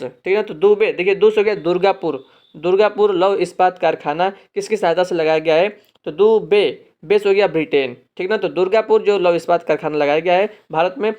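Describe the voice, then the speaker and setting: A man's voice: high-pitched, a little mellow, highs cut off. Man teaching memory tricks, repetitive. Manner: explains mnemonic tricks, repeats "ठीक है ना" often; addresses viewers as friends, drawn-out repetitions of key phrases. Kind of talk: exam-prep lesson.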